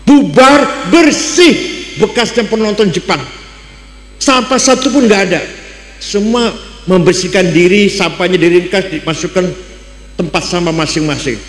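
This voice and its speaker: An older man with a Javanese accent giving a religious lecture, asking his listeners questions and switching between loud exclamations and dry jokes. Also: sits high, unhurried. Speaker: Islamic cleric giving a talk. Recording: echoey hall with long reverb.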